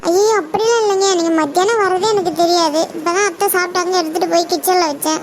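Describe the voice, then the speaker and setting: A woman's voice: extremely high pitch, steady tone, fast talker. A woman voicing a meek young wife, pleading. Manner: pleading, apologetic. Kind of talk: cartoon voice acting. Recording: audible background noise.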